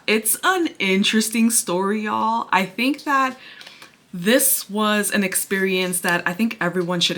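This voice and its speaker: A woman chatting casually through a book review to camera, sounding breathy and out of breath. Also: fairly low pitch, bright, forceful tone. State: out of breath from pregnancy.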